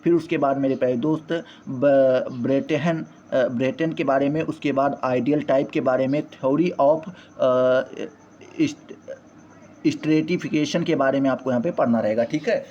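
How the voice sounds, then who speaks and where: A man teaches by working through a course syllabus point by point, his voice medium in pitch, steady, a little mellow, and moderately paced. He often stumbles over English terms and restarts, and he keeps returning to the same stock phrases. The lo-fi recording sounds slightly dull and carries a bit of background noise.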